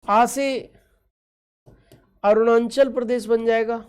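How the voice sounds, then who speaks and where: Female exam-prep teacher, slightly high voice, affectionate and repetitive, quizzes her class over a map. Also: fairly even intonation, slow, smooth. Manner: affectionate, addresses students as children; repeats and quizzes, frequent "okay ji" check-ins. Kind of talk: online geography lesson over a map.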